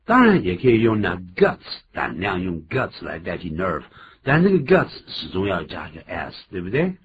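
A deep-voiced man teaches English vocabulary, swinging his pitch widely to stress words. The recording is dull and lo-fi with a faint hiss behind him. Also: normal speed. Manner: animated explaining, jumps high in pitch for emphasis. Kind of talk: bilingual radio English lesson.

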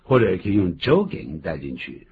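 低沉而抑扬顿挫的男英语老师. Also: male voice, a little fast, breathy edge, phone-quality sound. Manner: animated, jumps to high emphatic pitch on key words. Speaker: English teacher, host. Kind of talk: radio English lesson.

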